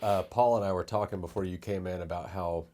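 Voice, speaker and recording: A man with a very deep voice steers a podcast conversation with calm, thoughtful questions. He speaks in an easy, reflective way, drawing his guest out rather than talking over him. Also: brisk. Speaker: podcast host. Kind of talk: interview conversation.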